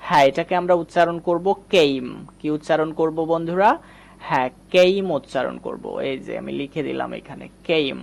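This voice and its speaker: A man's voice: fairly high pitch, a little fast, gravelly. A man teaching English reading, patiently explaining and quizzing his viewers. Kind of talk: screen-recorded lesson.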